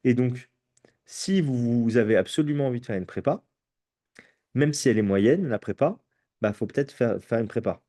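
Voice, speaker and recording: A man's voice: mid-range voice, animated, moderate pace, dark tone. A tired man giving an informational talk to students as a prep course presenter. He explains at length with frequent hesitations and keeps checking in with his listeners.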